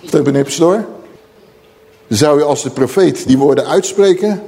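A male preacher giving an emphatic sermon, reading scripture slowly and solemnly between his own comments. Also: a little high, mellow, in a large hall.

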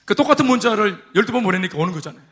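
A man's voice: high-pitched, expressive, very fast, a bit bright. A man preaching a sermon, calling out for amens and hallelujahs. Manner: call-and-response preaching, repeated amens and hallelujahs. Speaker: pastor. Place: church sanctuary.

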